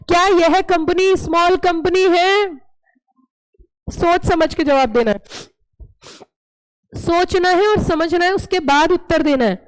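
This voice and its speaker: A woman with a very high voice teaching a live classroom lesson. She is playful and animated and keeps quizzing her students with repeated questions. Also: a little slow, long pauses, poor audio. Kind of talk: classroom lecture.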